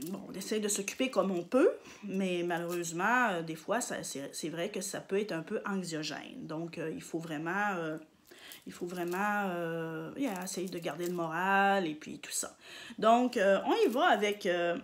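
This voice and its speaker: Woman vlogger, mid-range voice, relaxed chat at home, explains words with heavy stress and lots of fillers. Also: mid-range voice. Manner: chatty, hesitant, frequent fillers, emphatic on vocabulary words. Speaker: vlogger teaching Japanese words. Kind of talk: casual explanatory talk to camera. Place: at home during confinement.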